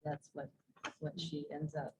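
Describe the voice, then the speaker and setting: A woman leading a casual book club discussion, haltingly searching for her words. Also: low-pitched, level tone, dark tone. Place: indoor room at a book club meeting. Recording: dull recording with faint noise.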